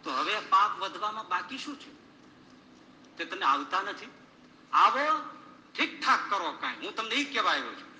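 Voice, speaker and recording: A man's voice: sits high, big pitch swings, normal speed, pauses often, reverberant, a little hiss or hum, full character voice, rough recording. A man putting on a pushy, stubborn man who argues with gods. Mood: accusing. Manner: insistent, loud and argumentative.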